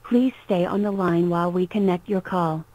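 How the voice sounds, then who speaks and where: A woman's voice: on the low side, fairly even intonation, moderate pace, a little mellow, poor audio. Woman on a recorded phone hold message. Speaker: phone line greeting voice. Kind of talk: scripted automated hold announcement.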